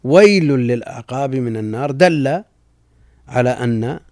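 A man teaching as a sheikh, reading out a classical text and explaining it in a measured way, often repeating lines for emphasis. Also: mid-range voice, expressive, darkish tone, no room sound, clean studio sound.

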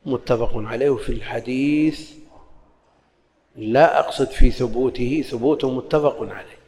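A man's voice: medium pitch, moderate pace, a little mellow, a little hiss or hum. A man teaching a religious lesson, explaining texts and moving between formal recitation and colloquial asides. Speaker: Islamic scholar teaching hadith. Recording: long hall reverb.

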